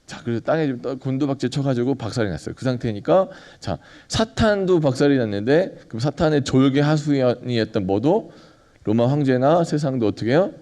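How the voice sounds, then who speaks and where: Pastor, male, mellow tone, chatty sermon with questions to the congregation. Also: medium pitch, expressive, a little fast. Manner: conversational preaching, asks the congregation questions and acts out dialogue.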